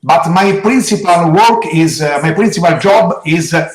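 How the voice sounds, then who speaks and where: A middle-aged man with an Italian accent answers interview questions as a teacher, in halting, simple non-native phrasing. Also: on the high side. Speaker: geology teacher being interviewed. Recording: echoey room.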